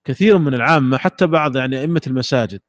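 A man giving a religious jurisprudence lesson in a measured, explanatory way, sometimes demonstrating recitation. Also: mid-range voice, dry recording, lo-fi sound. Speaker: Islamic jurisprudence teacher.

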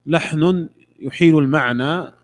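A middle-aged man, teaching a classroom lesson on a religious text. He repeats key words and pauses for replies from students. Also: a little high, slight background noise.

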